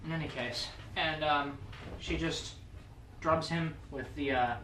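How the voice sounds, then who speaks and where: A man's voice: a little high, steady tone, takes it slowly, pushed and bright. Hesitant man at a game table. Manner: hesitant, fillers. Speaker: player. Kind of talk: casual tabletop play. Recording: echoey room, mic far off, noisy.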